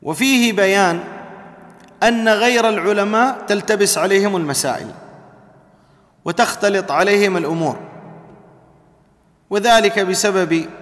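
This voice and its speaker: A man delivering a religious lesson with a high-pitched voice. He talks in a measured, emphatic way and leans on repeated key words. His voice trails off into a long, echoing reverb. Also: a bit bright. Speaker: Islamic preacher.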